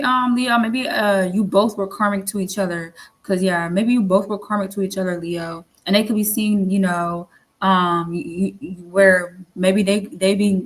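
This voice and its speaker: A woman giving a casual tarot reading, rambling and repeating herself, with lots of fillers and the odd casual swear. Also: medium pitch. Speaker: tarot reader.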